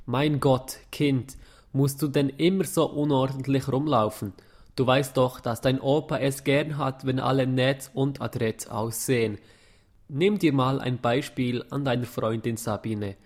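A man's voice: mid-range voice, fairly even intonation, measured pace, lightly acted. A man reading a story, voicing a strict middle-aged mother who scolds and fusses over her daughter. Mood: scolding. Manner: scolding, bossy.

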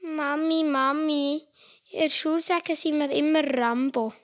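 A whiny little boy nags his mother over and over, as a woman telling jokes puts him on. The voice is pitched up high and bleats each plea. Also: steady tone, unhurried. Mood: whining.

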